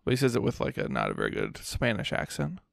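Gravelly-voiced man in casual podcast banter. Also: mid-range voice, huge pitch swings, fast, no room sound, studio quality. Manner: laid-back, jokey banter. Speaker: podcast co-host. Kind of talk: casual movie-commentary chat.

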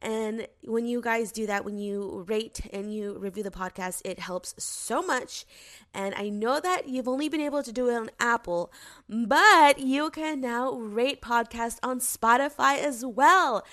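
A congested woman hosting a podcast talks in a bubbly, chatty rush. Her voice sits fairly high. She is in her thirties and sounds excitable. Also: unhurried. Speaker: podcast host. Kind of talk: casual solo podcast talk.

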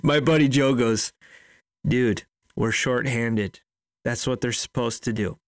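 A man co-hosting a casual sports podcast, an animated storyteller who acts out shouting fans. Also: mid-range voice, measured pace, dry recording. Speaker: podcast co-host.

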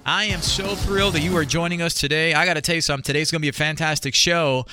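A man's voice: fairly high pitch, fairly even intonation, fast, over music. A man hosting a talk show in an upbeat, motivational manner, speaking directly to his listeners.

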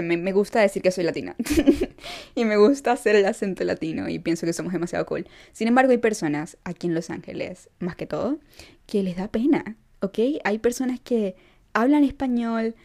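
A young woman chatting casually to her followers, emphatic and quick to laugh. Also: medium pitch, warm tone. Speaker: vlogger. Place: Los Angeles.

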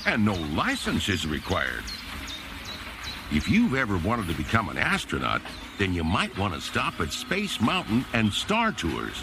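A man playing a friendly old-time train conductor, calling out a scripted announcement to passengers in a folksy drawl. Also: mid-range voice.

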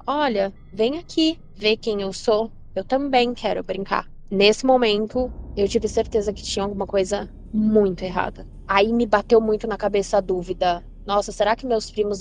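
A woman's voice: mid-range voice, a little mellow, a little hiss or hum. A woman telling a personal story about a frightening childhood moment, earnest, with frequent fillers and repetition. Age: adult. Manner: earnest, repeats herself with many fillers. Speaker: listener sharing a personal story.

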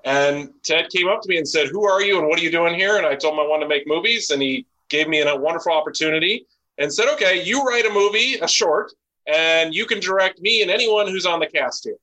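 A man from Chicago, raised in Los Angeles, appearing as a business-owner guest on a podcast and telling his story in an eager, animated way. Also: a little high, a little fast, low-quality recording. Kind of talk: interview storytelling.

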